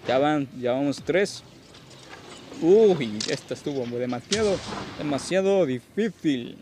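Slow, rambling man, tipsy, noisy recording. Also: on the high side, animated. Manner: rambling, crude joking, repeats himself. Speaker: gaming video host. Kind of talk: casual gameplay commentary.

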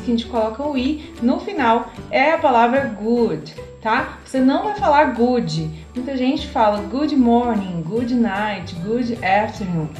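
A Brazilian woman teaching English pronunciation. She is patient, repeats words slowly and keeps checking in with "tá?". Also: sits high, a little mellow, roomy sound. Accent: Brazilian Portuguese. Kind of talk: pronunciation lesson.

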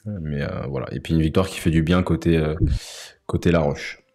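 A man co-hosting a casual streamed sports talk show, chatting in a relaxed, hesitant way. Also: a bass voice, normal speed, soft background music. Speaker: co-host of a women's basketball talk show.

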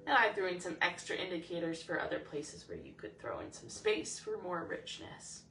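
A woman's voice: lowish voice, huge pitch swings, a bit bright, distant mic, slight background noise. A woman teaching a singing lesson, explaining each step and singing the lines to demonstrate. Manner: explains slowly, then demonstrates sung lines. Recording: roomy, from the mic, with ukulele.

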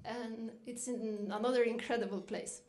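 A woman's voice: steady tone, normal speed, a little mellow. Woman giving a keynote. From Norway. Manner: reflective storytelling, lifts pitch when quoting herself. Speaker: keynote speaker. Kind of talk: dinner keynote speech.

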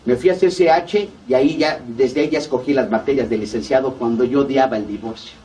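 In a brisk, warm, mid-range voice, a middle-aged man from Mexico City, with that city's Spanish accent, tells his recovery story bluntly and with heavy profanity. He plays out both sides of conversations from memory, captured by a distant mic with faint background noise.

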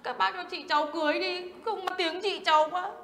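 A shrill, melodramatic young woman. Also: steady tone, fairly quick, fairly bright tone. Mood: pleading. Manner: melodramatic, sing-song wailing. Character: dramatic, pleading young woman. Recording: echoey, reverberant set.

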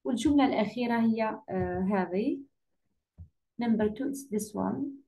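A woman's voice: fairly high pitch, creaky, mellow, a little hiss or hum. Patient Algerian woman teaching English. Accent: Algerian Arabic. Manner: patient, repeats key words slowly. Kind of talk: exam correction lesson.

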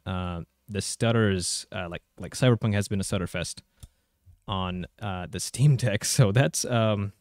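Low-voiced man, dry close recording. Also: no echo. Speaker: host of a handheld gaming tech channel. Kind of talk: casual gameplay commentary and tutorial.

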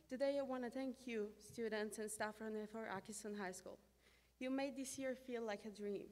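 A young Italian exchange student reads a prepared graduation speech from notes into a podium microphone in a large school gym. Her accented English is careful, heartfelt, and earnest. Her voice sits a little high and rings through the gym's long reverb.

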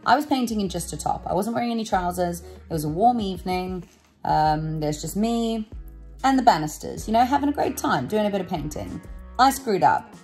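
A young woman with an expressive, darkish, mid-range voice talks fairly quickly and casually to camera in a renovation vlog shot in rooms of her home. Self-deprecating and lightly swearing, she's recorded on a handheld camera or phone at arm's length, with faint music behind.

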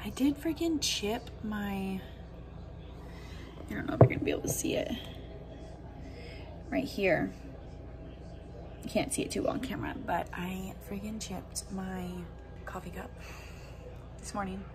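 A young homestead vlogger whispers at a medium pitch, speaking at a measured pace with frequent pauses as she chats casually and talks to her chickens. She films on a phone held at arm's length, moving between a backyard chicken run and her home kitchen, with outdoor noise of clucking chickens and crowing roosters behind her.

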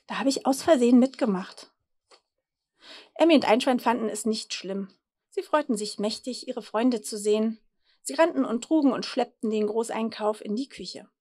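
A woman's voice: fairly high pitch, moderate pace, a little mellow, dry recording, studio quality. A woman reading her children's story aloud, with chatty asides to the audience. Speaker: author reading her book.

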